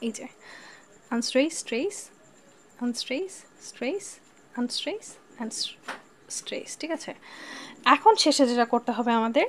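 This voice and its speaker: High-voiced Bangladeshi woman teaching patiently. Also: expressive, moderate pace, long pauses, a little hiss or hum. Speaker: English literature tutor. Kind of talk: online exam-prep lesson.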